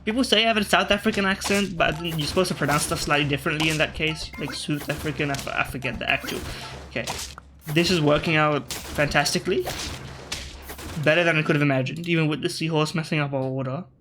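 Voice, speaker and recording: A man from Australia, his accent shifted by British media, gives casual commentary on a strategy game in a slightly high, fast voice over music. This gaming video creator thinks aloud, corrects himself and tosses wry asides at his opponents.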